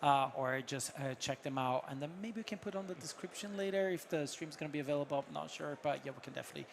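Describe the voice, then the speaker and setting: A man hosting a live stream, chatting casually and affirming his guests with quick asides. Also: fairly high pitch, creaky, background noise. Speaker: livestream host. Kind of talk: casual interview chat.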